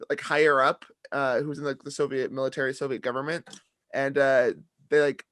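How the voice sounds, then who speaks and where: A man's voice: medium pitch, fairly quick, no echo, clean studio sound. A young man co-hosting a casual movie podcast, talking loosely with many fillers. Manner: relaxed, filler-heavy, lots of "like". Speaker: podcast co-host. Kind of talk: casual chat.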